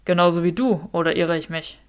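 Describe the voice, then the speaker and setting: A woman's voice: lowish voice, steady tone, brisk, close to an everyday voice. Woman doing a drawling, smug wizard. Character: smug flirtatious wizard man, teasing rival.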